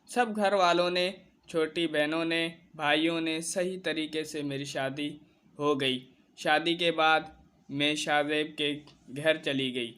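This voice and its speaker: Bright-voiced man narrating a story. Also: fairly high pitch, clear, resonant tone. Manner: steady, earnest retelling of a personal account. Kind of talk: first-person story narration.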